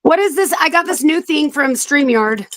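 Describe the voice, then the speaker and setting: A woman's voice: high-pitched, animated, moderate pace, a bit bright, slight background noise. A woman co-hosting a podcast from home in casual chat, blunt and teasing, swearing freely, her voice a little strained. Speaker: podcast co-host. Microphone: streaming setup.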